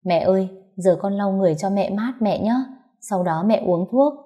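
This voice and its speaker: A woman voicing a patient young daughter-in-law who coaxes her sick mother-in-law softly. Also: medium pitch, moderate pace, natural voice. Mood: coaxing. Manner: soft, coaxing, pleading.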